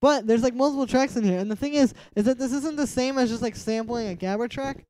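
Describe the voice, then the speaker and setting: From a small home room, a young nasal-voiced man runs a laid-back music production livestream, speaking in a very high voice at a quick pace. His talk rambles, packed with "like" fillers and muttered asides to himself, and the sound has no echo.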